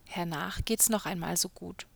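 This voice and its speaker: A woman voicing an old father who gently scolds his son in a storybook tale. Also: lowish voice, normal speed, vocal fry. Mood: fatherly. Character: caring old father, woodcutter.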